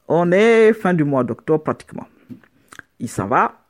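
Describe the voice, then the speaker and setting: Animated middle-aged woman telling a story. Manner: animated, voicing others' words in quick pitch jumps, many restarts. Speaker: storyteller recounting a personal experience. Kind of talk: casual spoken account.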